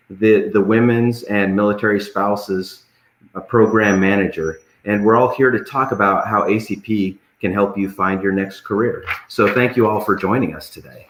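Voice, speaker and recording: A man with a low voice hosts a casual live stream in an echoey room. His delivery is joking and a little halting as he moderates. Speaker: host. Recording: roomy, echoing sound.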